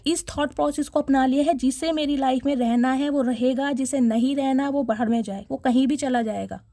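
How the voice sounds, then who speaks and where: A woman's voice: high-pitched, dry recording. A woman with a Hindi accent giving a tarot reading to her viewers, chatty and dramatic, sprinkling English words into her talk. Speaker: tarot reader.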